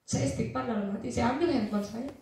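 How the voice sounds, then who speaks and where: A woman's voice: on the high side, fast talker, a little mellow, a little hiss or hum. A young woman giving a spirited testimonial speech to an audience, telling a personal story and acting out the dialogue. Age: young adult. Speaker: motivational speaker. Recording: echoey hall from far off.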